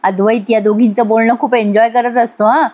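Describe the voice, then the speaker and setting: Woman recapping a TV episode, casual, amused, fairly high pitch. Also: steady tone, brisk, a little mellow. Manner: chatty, amused, laughs often. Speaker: serial episode reviewer. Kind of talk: casual retelling narration.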